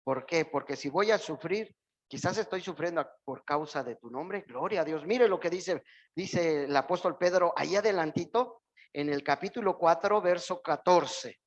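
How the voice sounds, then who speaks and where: A man preaching to his congregation as pastor. His voice sits a bit high and he swings between loud, animated bursts and soft, hushed asides as he acts out quoted voices. The recording is dull and lo-fi. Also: normal speed. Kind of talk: Spanish-language church sermon.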